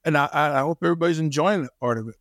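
A man's voice: on the high side, very fast, a bit bright, dry recording, studio quality. Folksy male wrestling podcast co-host. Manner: rambling, folksy, tells stories. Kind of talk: casual podcast chat.

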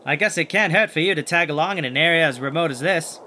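This man's voice sits on the high side and moves quickly, with slight background noise behind it. In a friendly mood, he voices and narrates a plucky, good-hearted, joke-cracking monster hunter for a children's audio story, full of folksy exclamations and animated talk aimed at his sidekick.

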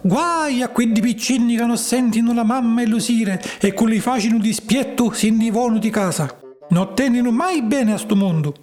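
Storybook cricket, male, old and wise, a man doing it high-pitched and calm. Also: soft background music. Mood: calm lecturing. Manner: slow, calm, lecturing. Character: calm old talking cricket, patient and preachy.

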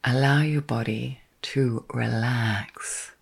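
Speaking in a very deep, fairly evenly intoned voice, a woman leads a guided sleep meditation. She is soft, breathy, and partly whispering, soothing the listener with short phrases separated by long pauses.

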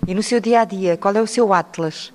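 A woman conducting a radio interview, asking measured, gentle questions. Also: mid-range voice.

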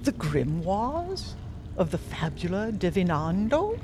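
A woman's voice: on the low side, big pitch swings, takes it slowly, very noisy. A woman playing an imperious, menacing mystic villainess in an audio drama, grandiose and taunting. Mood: smug, menacing. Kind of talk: dramatic audio fiction acting.

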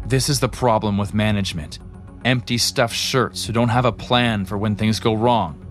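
A man giving scripted, dramatic narration of a true story in a measured, tense storytelling manner. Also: on the low side. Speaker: podcast narrator.

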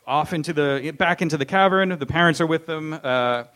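A man's voice: fairly high pitch, a little fast, fairly bright tone. A man hosting a casual, comedic film recap chat in a wry, jokey manner, often laughing as he talks. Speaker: podcast host recapping a film.

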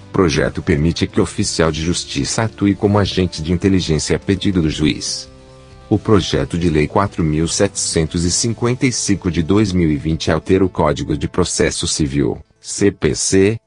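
A synthesized text-to-speech male voice with a Brazilian accent, reading scripted news as a podcast presenter. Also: low voice.

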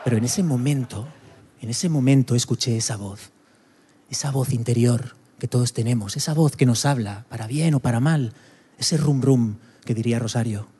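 A man from doing a stand-up monologue, punchy and chatty with quick asides to the crowd. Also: medium pitch, mellow, breathy edge, big-room sound. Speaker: stand-up comedian.

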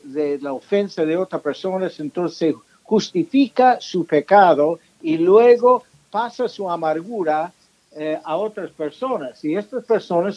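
A man being interviewed about his book, talking slowly through many fillers and restarts. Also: fairly high pitch, muffled recording. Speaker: author and pastor guest. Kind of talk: interview conversation.

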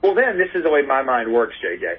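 Talking fast with big pitch swings, this American man has a medium-pitched, breathy-edged voice. He's a baseball radio play-by-play announcer telling casual stories as a podcast interview guest, heard through a narrow, phone-like remote call.

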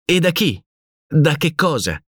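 A man doing an excitable companion, raised voice. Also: on the high side, unhurried, dry recording, clean studio sound, voice pushed up, exaggerated voice. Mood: alarmed. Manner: exclamatory, questioning.

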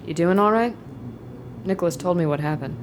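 A woman's voice: lowish voice, brisk, close to an everyday voice. A woman talking in a casual, direct way. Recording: loud background noise.

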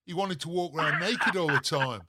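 A man's voice: fairly high pitch, a little fast, background noise. A man hosting a radio phone-in, chatting casually with callers and laughing easily. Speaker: radio show host.

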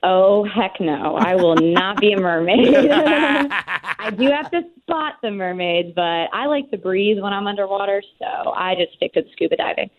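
A woman's voice: mid-range voice, unhurried. A young woman from Maryland chatting casually and in a friendly way as a caller on a phone. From Maryland, United States. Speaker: caller, aquarium scuba diver. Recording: narrow tinny phone line.

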